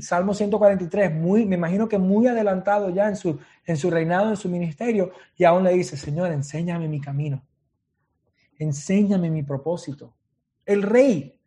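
A man in his thirties preaches a sermon with a Miami Spanish accent. His voice sits high but sounds mellow and warm. He drops English phrases into his Spanish and often restarts his sentences. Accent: Miami Spanish with English code-switching.

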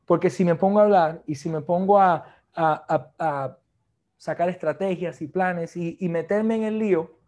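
A man preaching a sermon, lively and joking with the congregation, mixing Spanish with English phrases. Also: high-pitched, moderate pace.

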